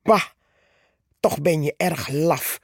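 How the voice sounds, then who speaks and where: A woman's voice: low voice, takes it slowly, gravelly, dry recording, clean studio sound, exaggerated voice. A woman doing a tiny cheeky red ant. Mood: defiant. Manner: defiant, proud. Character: small brave female red ant, cheeky.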